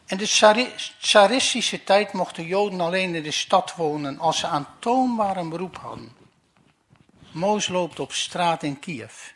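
Brief: unhurried joke teller, man with a high voice. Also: a bit bright. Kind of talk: telling jokes.

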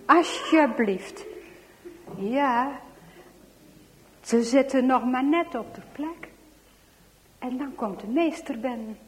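A woman reading a children's story aloud, dramatic, dropping to hushed whispers and rising to loud exclamations. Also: high voice, slow pace, pauses often, a little hiss or hum.

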